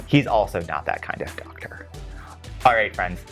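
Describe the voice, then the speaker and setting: A man co-hosting a casual podcast, talking in a lively, self-teasing way and jumping up in pitch for emphasis. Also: a little slow, soft background music. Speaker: podcast co-host. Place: podcast recording space with camera crew. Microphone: microphone.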